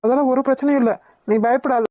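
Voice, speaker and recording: A woman voicing a protective young male hero in a cartoon, who lectures sternly and then comforts gently. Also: high voice, steady tone, quick pace, heavy background noise, natural voice. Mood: soothing. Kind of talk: cartoon voice acting.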